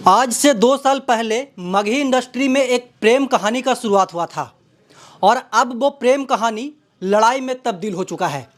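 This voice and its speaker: Speaking at a moderate pace with an extremely high pitch, a man with a Bihari accent narrates an introduction and then interviews someone for local media, his questioning dramatic and repetitive.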